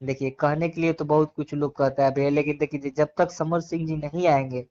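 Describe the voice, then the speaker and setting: A man with a Bhojpuri accent gives opinions in a casual phone interview, heard through a dull, lo-fi phone recording. His voice is a little high and a little mellow, brisk with fairly even intonation, and he argues earnestly, repeating phrases for emphasis.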